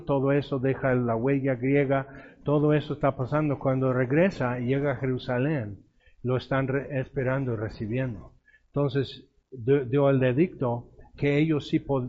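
A man delivers a sermon in an animated storytelling way. He slips into the voices of the people in his stories. His voice sits at a middle pitch, and the recording is slightly muffled and lo-fi. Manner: storytelling, acts out quoted voices. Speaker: preacher.

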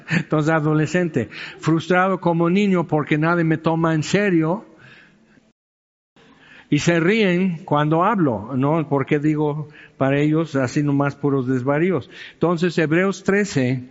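A man's voice: on the high side, a little slow. A middle-aged man, a pastor giving a candid, conversational sermon with frequent check-in asides. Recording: dull sound with long hall reverb.

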